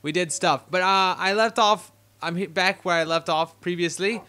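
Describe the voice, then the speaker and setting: A man's voice: high-pitched, normal speed, pushed and bright, smooth. A young man hosting a casual game let's-play, chatting in a rambling way full of fillers. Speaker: gaming channel host.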